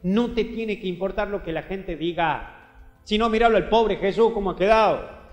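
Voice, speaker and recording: A Paraguayan priest giving a homily reflection, speaking colloquially to the listener and acting out quoted dialogue. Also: male voice, high voice, moderate pace, highs cut off. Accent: Paraguayan Spanish. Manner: animated, acts out quoted dialogue; colloquial, addresses listener directly. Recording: roomy hall reverb, faint music.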